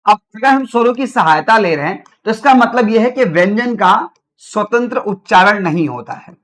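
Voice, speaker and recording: A man's voice: sits high, lively intonation, a bit bright. A male teacher giving an online grammar lesson. He asks the class questions, answers them himself, and repeats key phrases. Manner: slows down to dictate notes.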